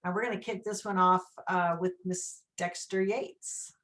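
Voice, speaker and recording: A woman's voice: on the low side, fairly even intonation, a little slow, a bit bright. A woman moderating a video panel of athletes, guiding the questions in an upbeat way. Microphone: video call.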